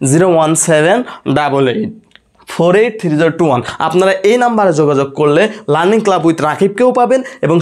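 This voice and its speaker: A man with a slightly high voice gives a lesson on a poem. He keeps asking his listeners a question and answering it himself. English literary terms run through his talk. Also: a little mellow. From Bangladesh. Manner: asks questions then answers them himself. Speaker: teacher. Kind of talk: lecture on a poem.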